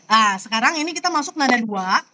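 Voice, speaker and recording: A woman's voice: a little high, animated, a little fast, sharp tone, slight background noise, poor audio. A woman teaching Mandarin tones over a video call, patient and showing every sound by example. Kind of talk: online class teaching. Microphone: computer mic on a video call.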